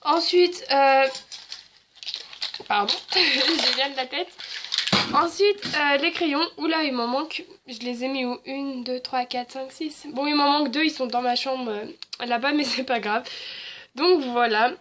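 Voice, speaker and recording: A woman's voice: high-pitched, unhurried, noisy background. A young woman chatting casually as a beauty vlogger, with many fillers and restarts. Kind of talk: casual haul and swatch video.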